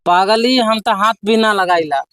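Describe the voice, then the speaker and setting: A man's voice: high-pitched, normal speed, fairly bright tone, clear, resonant tone. Man acting belligerent town drunk husband, Awadhi accent. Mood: muddled, stubborn. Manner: town drunk's muddled, repetitive, belligerent talk. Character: drunken village husband, stubborn, scolding, badgering for money. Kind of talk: rural comedy sketch acting. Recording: noisy background with clicks.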